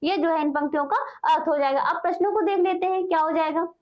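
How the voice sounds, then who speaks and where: A woman teacher explaining Hindi poetry line by line for exam students, often adding "ठीक है", and reading the verses slowly. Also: extremely high pitch, steady tone, dull audio. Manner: repeats "ठीक है" and "क्या है" as fillers, reads verses slowly.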